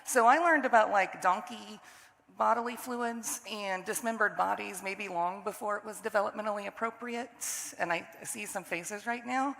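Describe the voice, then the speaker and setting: A middle-aged woman with a hoarse, still-recovering voice, giving a conversational sermon as guest preacher, candid and self-deprecating. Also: mid-range voice, fairly even intonation, normal speed, a bit bright. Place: church sanctuary. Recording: long church hall reverb.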